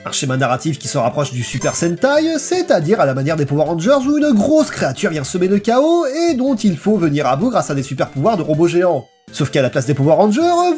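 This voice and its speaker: With music in the background, a man reads a scripted video essay in a slightly mellow, high-pitched voice. His style is theatrical and playful, shaped like storytelling.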